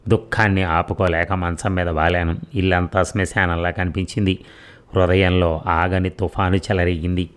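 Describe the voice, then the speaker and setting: A man narrating a first-person audio story in a measured, dramatic reading. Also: low-pitched.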